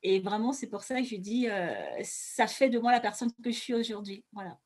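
Earnest woman, fairly high voice. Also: steady tone, brisk, darkish tone. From Cameroon. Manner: earnest, searches for words as she talks. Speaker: interview guest, former flight attendant. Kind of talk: casual interview.

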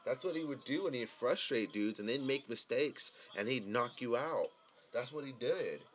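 A man's voice: medium pitch, lively intonation, normal speed, fairly bright tone, slight background noise. A man giving casual live fight-fan commentary in a sweary frat-bro manner, full of dude and bro slang.

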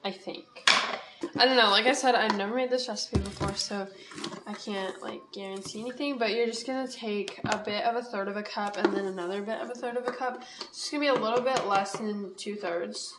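There's background noise as a young woman, a podcast host, casually walks through a recipe in her home kitchen. Her voice is medium in pitch, and she's rambling, chatty, and self-deprecating.

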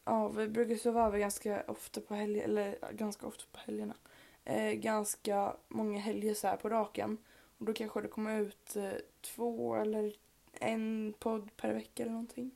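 A woman's voice: mid-range voice, completely flat delivery, vocal fry, warm tone. A young woman co-hosting a casual podcast, hesitant with short replies. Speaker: podcast co-host.

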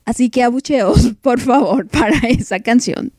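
A woman hosts a casual music show, her voice sitting a little high. She teases and mock-scolds her listeners and laughs often. The recording is dry and close, with no room echo. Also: moderate pace, darkish tone. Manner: playful, teasing, laughs often, mock outrage. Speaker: podcast host. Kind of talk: casual music podcast chat.

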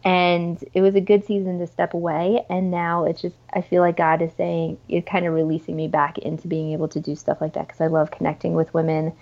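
Chatty lower-voiced woman with a creaky edge. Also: flat delivery, a little fast, hardly any pauses, a little mellow, dull audio. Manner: informal and enthusiastic, peppered with "like" and "you know". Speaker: podcast guest, author. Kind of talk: casual, chatty interview conversation.

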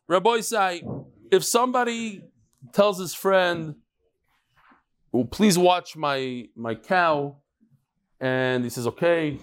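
A mature man, a rabbi teaching a Talmud class in an informal, conversational way, posing questions and answering them himself. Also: fairly high pitch. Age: middle-aged or older. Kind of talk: informal lecture with chatty asides.

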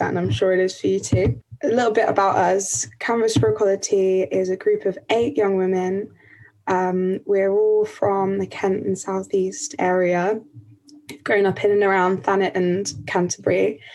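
An eighteen-year-old woman from England hosting and moderating a panel discussion in a brisk, upbeat way. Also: mid-range voice, a little mellow, poor audio. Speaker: panel host.

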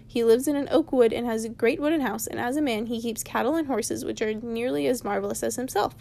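Brisk, stern old wizard from a storybook, slightly higher voice, a woman reading him. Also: gravelly, warm tone. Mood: cross. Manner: stern, lecturing. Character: old male wizard, brisk and easily cross. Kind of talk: storybook read-aloud.

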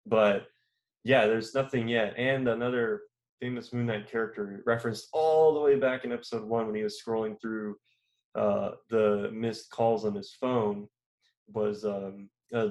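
A man's voice: on the low side, fairly even intonation, moderate pace, a little mellow. A man co-hosting a podcast, talking casually in long rambling turns with many fillers and restarts. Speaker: podcast co-host. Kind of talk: casual chat.

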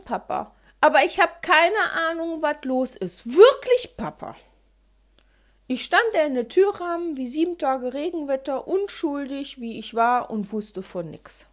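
A woman telling a childhood anecdote in a chatty, colloquial way. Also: high-pitched. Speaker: storyteller.

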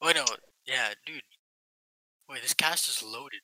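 A man's voice: medium pitch, measured pace, bright, forceful tone, no room sound, poor audio. A young man joking around with friends in a casual chat, teasing them and laughing often.

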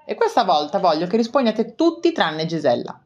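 A woman reading aloud plays a wise old male owl from a picture book. He asks questions in a measured, raised voice with lively pitch. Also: lo-fi sound, natural voice.

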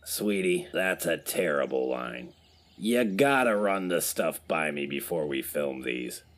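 A man's voice: rumbling low, lively intonation, a little slow, fairly bright tone, heavily acted. A man playing an exasperated guy stuck in a silly commercial, dry and swearing.

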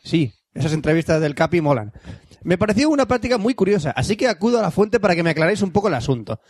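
A man co-hosts a comedy podcast in a high voice that swoops up and down. He swears freely and loves crude jokes, recorded in a dry, close sound. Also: big pitch swings, fast talker, slightly rough, dry recording. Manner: jokey, swears a lot, bursts into mock shouting and put-on accents. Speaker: podcast co-host. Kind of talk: casual comedic chat.

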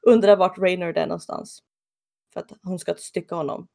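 Woman chatting about a tv episode, slightly low voice, throws in goofy voices. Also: gravelly. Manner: animated retelling with quick comic voice impressions. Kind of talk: casual recap of a TV episode.

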